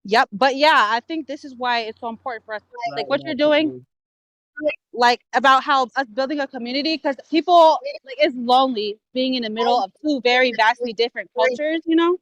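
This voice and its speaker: Higher-voiced casual woman host. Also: fairly quick, no room sound. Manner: casual, agreeable, frequent fillers and swearing. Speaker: livestream host. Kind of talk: casual chat.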